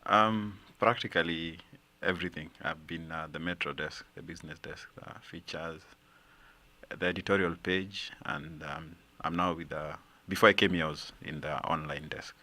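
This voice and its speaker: A man, a reporter answering interview questions in a calm, plain-spoken way. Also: low voice, normal speed. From Kenya. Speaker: newspaper reporter, guest.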